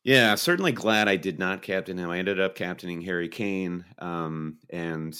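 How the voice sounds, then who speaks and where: A man with a very low voice talks fantasy football in a casual, rambling way. He tells his stories with animation and sometimes slips into quick put-on voices. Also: bright, forceful tone, clean tone. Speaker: podcast co-host.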